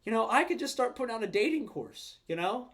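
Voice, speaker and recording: Young male co-host, high voice, rambling casual talker, lots of filler and swearing. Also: big pitch swings, quick pace, fairly bright tone. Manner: rambling, full of "like" and restarts; swears freely. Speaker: podcast co-host. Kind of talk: casual chat.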